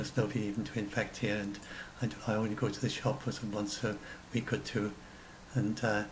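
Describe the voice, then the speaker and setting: Recorded on a desk webcam in a small room at home, this man in his sixties, a science blogger, talks casually through his notes by himself, meandering and constantly revising what he says. He has a lowish voice. There is slight background noise and the recording is rough.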